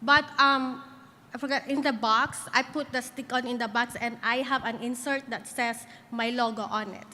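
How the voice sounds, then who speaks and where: A woman's voice: a little high, fairly even intonation, moderate pace, bright, forceful tone, a little hiss or hum. A woman in the audience asks the panel a tentative question, seeking reassurance. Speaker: audience member asking a question. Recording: distant mic in a reverberant hall.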